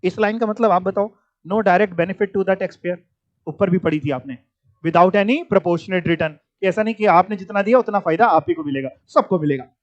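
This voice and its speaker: A man's voice: high-pitched, moderate pace, dry recording. A male teacher giving a classroom lecture in a conversational way, mixing in English terms and teasing his students. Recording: dull, dry lecture audio.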